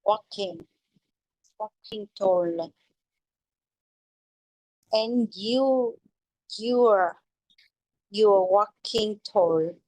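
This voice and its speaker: A woman's voice: medium pitch, very slow, long pauses, darkish tone, poor audio. A woman learning English, speaking hesitantly and repeating words as she gropes for phrases. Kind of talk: practicing English aloud in a lesson.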